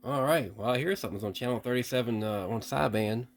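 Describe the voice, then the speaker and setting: This vlogger tests vintage CB radios in a casual, unscripted hands-on demo, thinking aloud and hesitating now and then. He talks fast, with a medium-pitched voice.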